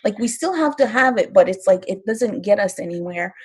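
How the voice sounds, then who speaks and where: An older woman from Kahnawake, a grandmother, speaking as an interview guest, earnest and halting when moved, with wry little laughs. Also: mid-range voice, animated, slightly rough. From Kahnawake, Quebec. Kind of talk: emotional personal testimony. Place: live stream.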